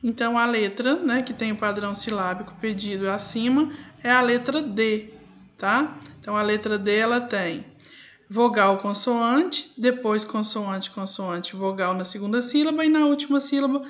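Woman, young adult, primary school teacher, slow careful dictation, fairly high voice. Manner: slow, drawn-out dictation with frequent "tá?" and "né?" checks. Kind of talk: recorded remote class correcting exercises.

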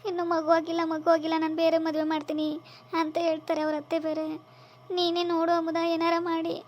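Woman doing a cartoon village mother, worried, tearful, pleading, very high and quick. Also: completely flat delivery, dull audio, a little hiss or hum. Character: worried poor village mother, grieving for her daughter. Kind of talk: cartoon drama voice acting.

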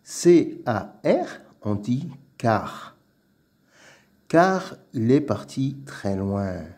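A man teaching early reading, sounding out letters and syllables slowly and repeating each word twice. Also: medium pitch, sing-song, darkish tone.

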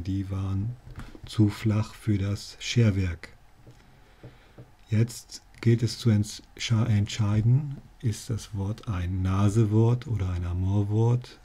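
Slow, husky man explaining rules. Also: lowish voice, warm tone. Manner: dry jokey asides while explaining. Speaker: language teacher. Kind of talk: explaining spelling rules to learners.

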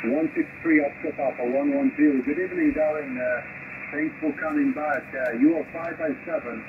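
A ham radio operator making a radio contact, reading call signs in the phonetic alphabet, heard through a shortwave receiver. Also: male voice, a little high, fairly even intonation, moderate pace. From Chile. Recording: tinny radio signal with loud static.

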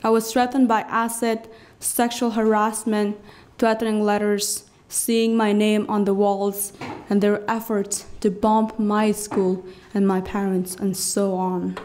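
Using a podium mic on a stand, a young Afghan woman recounts a personal story in English at a cultural centre. She sounds mid-range and a little mellow with little pitch movement, earnest and emphatic, delivering it in separate phrases with pauses between.

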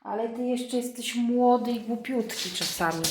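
A woman filming a home vlog, giving her dog short firm commands and soft praise. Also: a little high, normal speed, reverberant, recorded from a distance, noisy background. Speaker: vlogger and dog owner.

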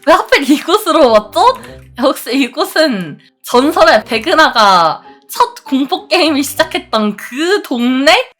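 Unhurried and a bit bright, her high voice swings widely in pitch over soft background music. The VTuber streams a horror game, reading its dialogue aloud and letting out curses and shrieks when scared.

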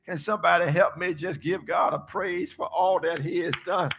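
A man's voice: high-pitched, fairly even intonation, normal speed, creaky, background noise. An older man preaching from a church pulpit with call-and-response phrases, drawing out his words. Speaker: pastor. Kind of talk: sermon. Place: large church sanctuary, on a stage at a pulpit. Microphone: handheld mic, then pulpit mic, far camera. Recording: echoey sanctuary, mic off at a distance, music behind.

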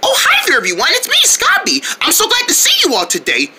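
A woman voicing Scobby, an excitable young male cartoon friend with a squeaky, sing-song way of talking. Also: fast talker, very noisy, heavily acted. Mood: excited.

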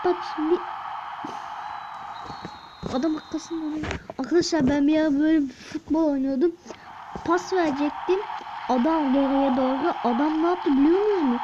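A woman commenting excitedly on a football video game, talking to her viewers and chanting to cheer on the players. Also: high voice, moderate pace, long pauses. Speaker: gaming video host. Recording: muffled with loud background noise.

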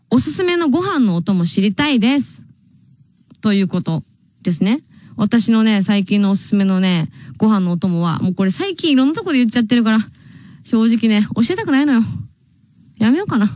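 A woman's voice: mid-range voice, darkish tone, no echo. A young woman with a Kansai accent, hosting a radio show and chatting casually, reading listener mail and laughing often. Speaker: radio host. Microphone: studio microphone.

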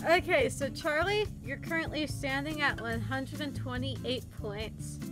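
High-voiced woman hosting a game show. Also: unhurried, music in the background. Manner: chatty, laughing often, announcing questions and scores.

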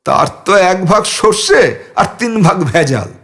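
A man's voice: high voice, animated, a little slow, a bit bright, full character voice. A man reading an audiobook, voicing a fussy, vain middle-aged man who protests indignantly. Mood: proud. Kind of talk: audiobook character voice.

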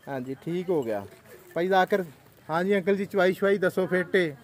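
High-voiced Punjabi man hosting a cattle sale. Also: fairly quick. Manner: chatty, pious phrases and proverbs. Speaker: host of an animal sales channel. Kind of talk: live on-site sales vlog. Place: outdoors at a cattle yard. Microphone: no mic, camera audio only.

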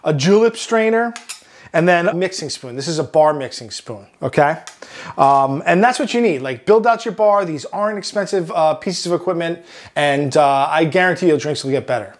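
A chef with a Long Island accent hosting a cooking demonstration, relaxed, often ending points with "right?". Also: male voice, fairly high pitch, normal speed. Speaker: chef and host.

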